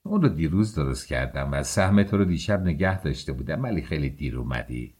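A man's voice: rumbling low, lively intonation, darkish tone, husky, pitched below the performer's own voice, heavily acted. A man voicing a chatty, blunt female house servant in an audiobook, asking question after question. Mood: offhand.

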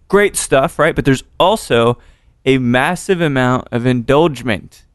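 A man in his thirties hosting a casual interview chat, animated and swearing freely. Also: mid-range voice, a little slow, no echo, clean studio sound. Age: 30s. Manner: animated, swearing, laughs easily. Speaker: podcast host.

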